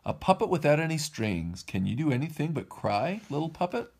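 A man voicing a greedy, bullying puppet master in a storybook read-aloud, loud and theatrical. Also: fairly high pitch, sing-song, brisk, vocal fry, husky, pitched above the performer's own voice, heavily acted. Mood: menacing.

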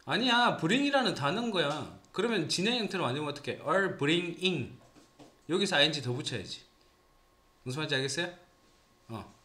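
A man with a Gyeongsang Korean accent, an English teacher, gives a grammar lesson to a small class, quizzing and teasing the students along the way. His voice is a little high, with lively intonation, normal speed, frequent pauses and a sharp tone, amid roomy classroom echo.

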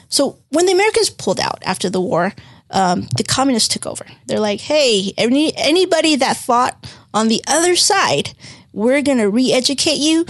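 Woman in her 40s, from Vietnam, interview guest, lively storyteller, fairly high voice, dry studio sound. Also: dry recording. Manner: animated storytelling, acts out quoted voices. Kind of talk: conversational interview.

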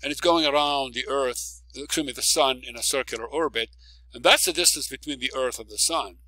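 A man's voice: mid-range voice, fairly quick, sharp tone, dry recording, poor audio. A man teaching a recorded physics lecture, working through a problem step by step, stressing key words and often checking in with "okay?". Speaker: physics professor.

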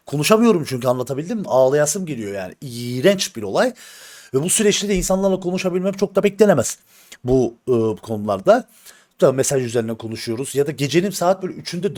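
A male streamer talks straight to his audience in a heated, venting way. His voice sits a little on the high side, and he leans on slang, swearing and repeated phrases to drive his points home. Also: darkish tone. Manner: addresses the audience directly, repeats himself for emphasis. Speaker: live streamer. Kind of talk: casual stream talk to viewers.

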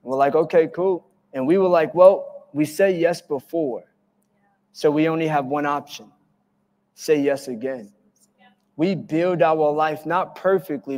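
A man preaching a sermon as pastor, telling stories with lively acted-out quotes. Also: on the high side. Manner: animated storytelling with acted-out quotes. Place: church hall. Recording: church hall with long reverb.

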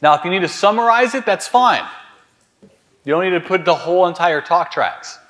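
A man's voice: high-pitched, expressive, normal speed. A man leading a live sales training in a room with an audience, urging people to speed up and cracking crude jokes. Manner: loud, urgent commands to hurry; crude, joking asides. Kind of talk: live seminar coaching.

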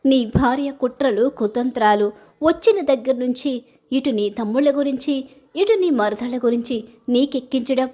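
A woman voicing a stern middle-aged mother-in-law who scolds her family with slow, emphatic indignation. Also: fairly high pitch, a little mellow, lightly acted.

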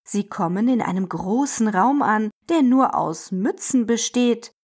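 A woman narrating a children's storybook in a clear, expressive way. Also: a little high, measured pace.

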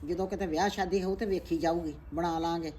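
A woman playing a stubborn older mother in a family drama, sulky and sharp-tongued. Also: on the low side, steady tone, quick pace, slight background noise, close to an everyday voice. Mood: sulking. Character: stubborn aging mother, easily offended. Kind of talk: scripted village family drama.

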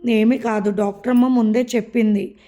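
A woman's voice: a little high, fairly even intonation, moderate pace, dark tone, lightly acted. A woman reading a storybook voices a caring older sister who reassures her frightened younger brother. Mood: soothing.

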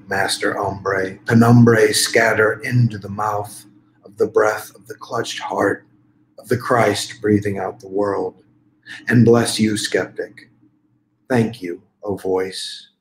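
A man reading his own poems aloud, with halting, filler-heavy asides between the slow, measured verses. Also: fairly low pitch, little pitch movement, reverberant, a little hiss or hum. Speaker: poet reading his work. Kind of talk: poetry reading.

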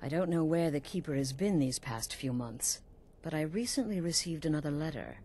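Here a woman's low-pitched, expressive voice carries a warm tone as she plays a middle-aged assassin chief in a game. The delivery is cool, sinister, sly, and measured, full of knowing dramatic pauses, with a wry mood and slight background noise.

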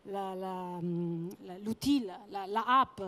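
A woman in her thirties giving a stage presentation in non-native French with a foreign accent, pausing to search for words and repeating them. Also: medium pitch, sharp tone. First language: not French. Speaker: conference presenter. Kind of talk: public presentation. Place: trade-show conference stage, indoors. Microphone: handheld microphone.

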